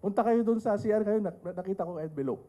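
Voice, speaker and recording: Speaking fast in a high, warm voice, a Filipino tax lawyer addresses an audience from a panel, switching between Tagalog and English. His lecture includes a dry joke, joking asides, and rhetorical questions.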